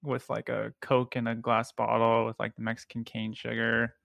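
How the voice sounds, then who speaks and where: Recorded dry at home, a podcast host with a gravelly, mid-range voice talks at a normal pace, starting with a scripted intro before settling into a casual, filler-laden interview with his guest.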